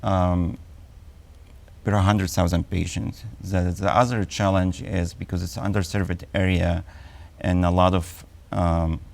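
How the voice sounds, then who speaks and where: Speaking as a guest oncologist on a health segment on TV, a man in his forties with an Egyptian accent is measured and full of ums and uhs. His voice is low and level in tone, somewhat dark, with vocal fry.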